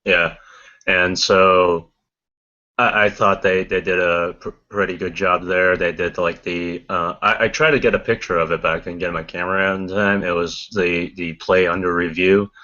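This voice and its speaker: A man's voice: deep voice, level tone, a little slow, pushed and bright. A man co-hosting a podcast in casual chat, rambling with many restarts and fillers. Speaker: podcast co-host. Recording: dull lo-fi podcast audio.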